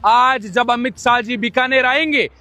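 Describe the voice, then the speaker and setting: A man from the Bikaner area of Rajasthan giving an impassioned political video statement in a forceful, declamatory, accusatory way. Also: very high voice, a little slow. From Bikaner area, Rajasthan, India. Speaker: local political activist.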